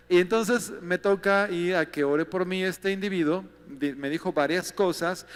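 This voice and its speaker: A man's voice: high-pitched, in a large hall. A man with a Mexican accent preaching a sermon as a pastor, talking conversationally and often asking his listeners rhetorical questions.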